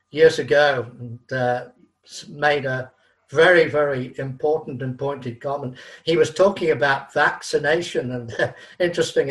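A man preaching a sermon in an earnest way, repeating key phrases for emphasis. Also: on the high side. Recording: voice distant from the mic.

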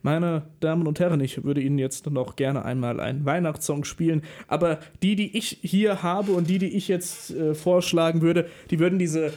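A man hosting a radio show in the studio, joking playfully and stammering when he gets excited. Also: fairly high pitch, moderate pace, few pauses. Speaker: radio host. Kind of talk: casual radio chat.

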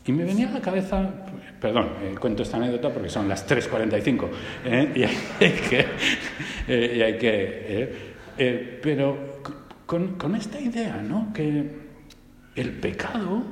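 Lively Spanish-priest, echoey hall. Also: male voice, medium pitch, unhurried, a little hiss or hum. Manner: lively storytelling with frequent restarts. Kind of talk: homily.

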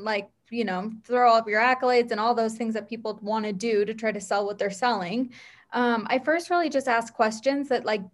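Higher-voiced woman in casual podcast chat. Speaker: podcast co-host.

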